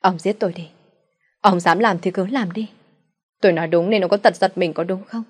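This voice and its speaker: A long-suffering mother , played by a woman narrator, finally shouts back at her husband. Her voice rises and grows loud with defiance. She sounds pushed to the edge. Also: fairly low pitch, fairly even intonation, quick pace, husky. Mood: defiant. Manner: pleading then shouting back.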